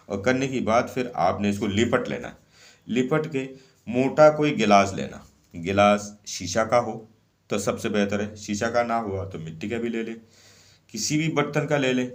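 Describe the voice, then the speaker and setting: A man explaining a ritual step by step in a casual, repetitive way, often repeating phrases and checking in with "okay". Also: on the low side. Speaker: occult ritual instructor. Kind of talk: casual spoken instructions.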